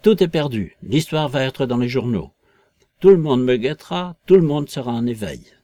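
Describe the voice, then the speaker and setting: A man voicing an invisible man in a storybook reading, loud, harsh and commanding toward a servant he despises. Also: medium pitch, lively intonation, normal speed, no echo, close to an everyday voice. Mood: angry. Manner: commanding, threatening, contemptuous. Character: harsh, domineering invisible man, adult male.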